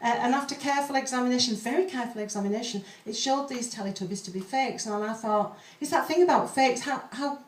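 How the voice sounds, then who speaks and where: A woman's voice: fairly high pitch, fast, few pauses, distant mic. Nervous woman poet, echoey open mic. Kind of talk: chatty, rambling introduction to own poems before an audience. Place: live open mic room.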